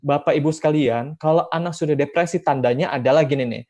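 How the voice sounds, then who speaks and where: A man's voice: fairly high pitch, fast talker, darkish tone. A man giving an educational talk to parents and teachers, emphatic, asking rhetorical questions and acting out short quotes. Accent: Indonesian.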